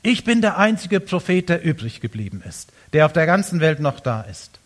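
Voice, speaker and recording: A man's voice: fairly high pitch, very animated, normal speed, voice pushed up. A man voicing a worn-out male prophet who is bitter and despairing, in a sermon. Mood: insistent.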